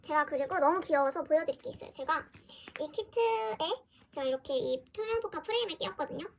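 High-voiced woman gushing over an unboxing. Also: a little hiss or hum. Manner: gushing, often exclaiming softly. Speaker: fan vlogger. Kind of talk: casual unboxing chat.

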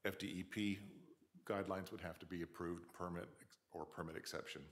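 Deep-voiced city manager, measured. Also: male voice, fairly even intonation. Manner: measured, procedural. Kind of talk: council meeting discussion. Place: city council chamber.

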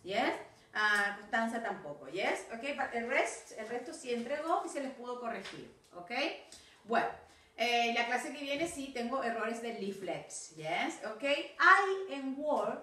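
Woman, Rioplatense accent, teacher, corrective, checks for understanding, slightly high voice, distant mic. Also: lively intonation, measured pace, a bit bright. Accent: Rioplatense Spanish. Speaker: English teacher. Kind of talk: recorded class feedback. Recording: echoey room, voice off-mic.

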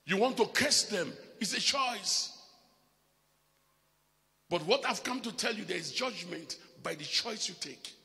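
A man preaching a live church sermon as bishop, swinging between loud emphatic calls and quiet asides. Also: high voice, expressive, unhurried, vocal fry, long pauses, long reverb tail.

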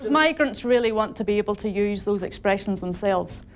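A woman's voice: medium pitch, lively intonation, moderate pace. Earnest woman speaking in an interview. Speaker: commentator on migrant communication.

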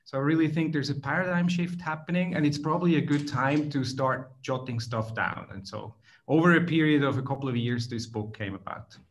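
Speaking at a fairly quick clip in a medium-pitched voice, a middle-aged man from Switzerland with a Swiss accent is interviewed as a guest author over video call. He considers his answers carefully but often restarts phrases, and the recording from his plain indoor room has a slight hiss or hum.

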